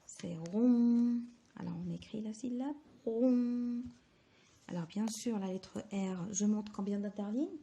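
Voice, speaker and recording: Slow-spoken woman teacher, soft and dark. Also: mid-range voice, slight background noise. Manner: slow, syllable-by-syllable dictation, often dropping to a whisper. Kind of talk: handwriting lesson for children.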